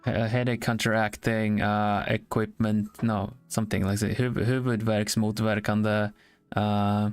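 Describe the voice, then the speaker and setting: A streamer whose first language is Swedish chats casually on a live art stream, with faint music in the background. His voice is lowish, level, and clean. He speaks haltingly, repeating words as he searches for them.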